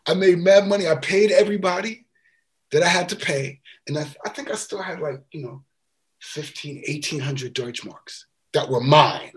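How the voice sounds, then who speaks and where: Animated man telling a story. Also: a little high, moderate pace. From New York. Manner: animated storyteller, repeats words, casual swearing. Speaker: guest musician. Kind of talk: casual storytelling chat.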